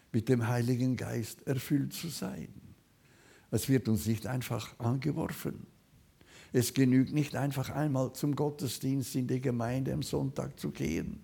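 A man preaching a sermon, fervent, swinging between loud calls and quiet asides. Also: mid-range voice, creaky, breathy edge.

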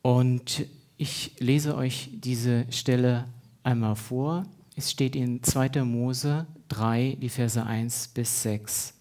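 Ein Mann hält eine Predigt und liest zwischendurch eine Bibelstelle vor, mit kleinen Versprechern. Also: male voice, medium pitch, fairly even intonation, darkish tone. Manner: unhurried, reads scripture aloud with small slips. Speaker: preacher. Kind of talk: sermon.

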